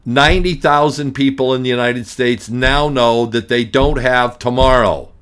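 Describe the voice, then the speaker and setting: His mid-range voice is smooth and fairly bright, delivered at normal speed. A middle-aged man hosting a radio talk show as an estate planning attorney, he rants and drives points through repetition, often restarting, blunt and grumpy in manner.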